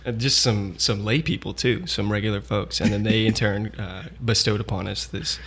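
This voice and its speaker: Low husky man from Louisiana, laid-back podcast guest. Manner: relaxed, laid-back, drawn-out storytelling. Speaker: guest actor. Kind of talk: casual podcast interview.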